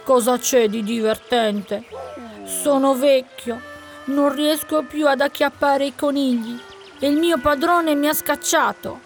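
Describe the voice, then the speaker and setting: A sad old dog whimpers slowly and quietly, voiced by a woman reading a fairy tale. His voice sounds weary and downcast, with soft music playing behind it. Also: high-pitched, voice pushed up.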